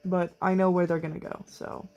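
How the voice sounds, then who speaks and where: Woman, beauty vlogger, excitable, rambling, chatty, faint music underneath. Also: lowish voice, normal speed, vocal fry, dull audio. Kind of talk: casual makeup tutorial. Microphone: camera mic while filming herself.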